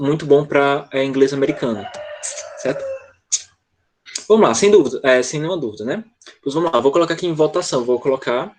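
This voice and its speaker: A man's voice: mid-range voice, a little mellow. A man teaching English in an online class, explaining step by step and checking often that students follow. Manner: explanatory, with frequent "tá?" check-ins.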